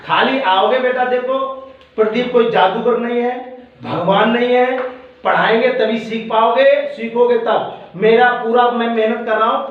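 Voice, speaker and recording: A male science teacher in a classroom, quizzing and scolding pupils, repeating his questions. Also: very high-pitched. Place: school classroom. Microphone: far from the mic. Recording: echoey classroom, far off, dull.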